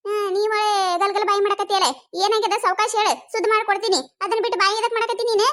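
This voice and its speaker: A performer voicing a proud village tailor woman with a North Karnataka accent who snaps back quickly in a cartoon comedy. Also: very high voice, little pitch movement, bright, forceful tone. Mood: defensive. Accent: North Karnataka Kannada. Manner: defensive, quick retorts.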